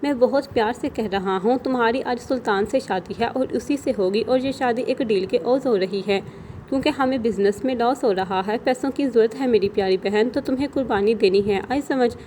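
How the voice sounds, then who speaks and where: A woman's voice: fairly high pitch, dark tone, slight background noise, natural voice. Woman reading a mocking cruel brother. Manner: sarcastic, menacing in a sweet tone. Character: cold mocking young man, cruel brother.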